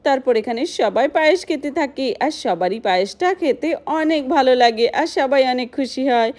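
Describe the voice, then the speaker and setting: A woman's voice: high voice, expressive, normal speed, darkish tone. A woman narrating a doll-play story and voicing a bickering young sister-in-law.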